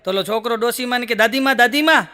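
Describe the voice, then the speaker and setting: High bright-voiced comedian, hall echo. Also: male voice, very fast, very noisy. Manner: lively storyteller acting out dialogue, laughing between jokes. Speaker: stand-up comedian. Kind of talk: Gujarati joke-telling stage show. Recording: long hall reverb.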